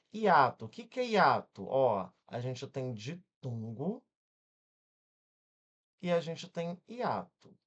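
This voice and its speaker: Lively Brazilian man teaching grammar. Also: a little high. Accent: Brazilian Portuguese. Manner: energetic, checks in often with quick questions; spells words out syllable by syllable. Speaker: exam-prep grammar teacher. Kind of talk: online exam-prep lesson.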